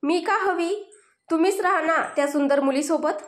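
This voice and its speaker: A woman's voice: very high voice, normal speed, voice pushed up. A woman voicing a sulky young wife. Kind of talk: storybook narration. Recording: roomy echo.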